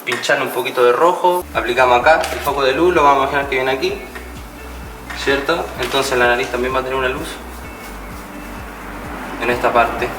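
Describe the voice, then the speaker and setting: A man's voice: medium pitch, a little fast, long pauses. Man teaching mural painting. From Chile. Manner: explanatory, checks in with "¿cierto?". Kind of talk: step-by-step painting demonstration. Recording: roomy, distant mic, music behind.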